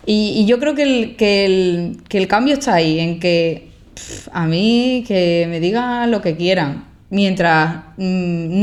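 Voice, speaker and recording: A woman's voice: mid-range voice, a little mellow. Casting: young woman, Andalusian accent, mid-range voice, casual interview guest, outspoken and colloquial. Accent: Andalusian Spanish. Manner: colloquial, emphatic, with rhetorical questions. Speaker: guest, social media creator and activist. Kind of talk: casual, opinionated interview talk.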